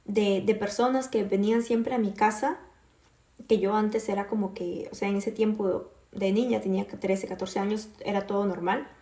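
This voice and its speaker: A woman in her twenties from Puerto Rico, telling her personal faith testimony in an earnest, halting way with many fillers. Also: mid-range voice, fairly even intonation, dark tone, reverberant.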